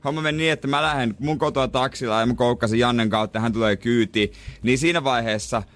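A man's voice: mid-range voice, fairly even intonation, fairly bright tone, dry recording. A man co-hosting a morning radio show in a studio, answering with dry, teasing comebacks in casual banter.

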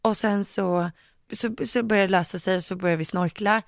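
A woman co-hosting a chat podcast tells a story animatedly, full of quoted asides where she quotes herself with "jag bara", and she laughs often. Her voice is medium-pitched, recorded at studio quality with no echo.

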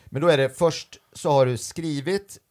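A man's voice: on the high side, a little mellow. A young adult man, a stand-up comedian being interviewed, tells stories in a casual way and acts out the voices he quotes. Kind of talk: casual storytelling chat.

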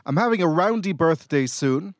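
A man's voice: a little high, lively intonation, normal speed, no echo, clean studio sound. A man reading a listener's letter casually on a podcast.

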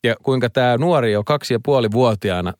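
A man's voice: mid-range voice, dry recording, clean studio sound. A man in his thirties hosting a radio show, chatting casually and telling rambling stories with lots of fillers. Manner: lively, rambling storyteller with many fillers. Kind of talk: casual studio chat.

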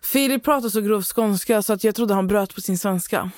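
Young woman, podcast co-host, blunt, halting with fillers, dry close recording. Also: mid-range voice, darkish tone, no echo. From Skövde, Sweden. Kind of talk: casual chat.

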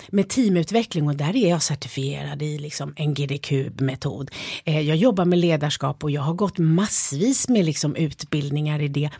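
A woman in an interview, a leadership developer telling her stories in a lively, animated way. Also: on the low side, breathy edge, no room sound, studio quality. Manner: lively storyteller, animated retellings. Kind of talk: interview conversation.

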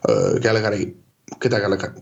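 A man's voice: fairly low pitch, wildly swooping pitch, vocal fry, darkish tone. A man co-hosting a casual podcast chat, rambling and thinking aloud with lots of fillers. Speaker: podcast co-host. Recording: dull lo-fi sound.

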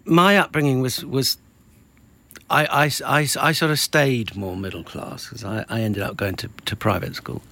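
A man's voice: mid-range voice, steady tone, moderate pace, pushed and bright, no echo. A man hosting a casual interview, often restarting and repeating words as he thinks. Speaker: host.

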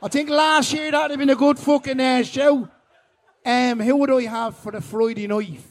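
Middle aged dublin fella, really high voice, blunt sweary banter on stage. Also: male voice, fairly even intonation, normal speed. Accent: Dublin, Irish. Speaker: speaker on stage at a live podcast. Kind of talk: casual live banter. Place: live podcast show at a festival.

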